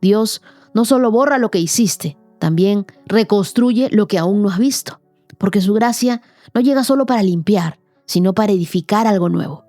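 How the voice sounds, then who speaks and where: A woman hosting a daily Bible podcast, teaching and praying in an earnest, emphatic way, slowing down on key phrases. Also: mid-range voice, dark tone, no room sound, soft background music. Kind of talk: devotional teaching and prayer.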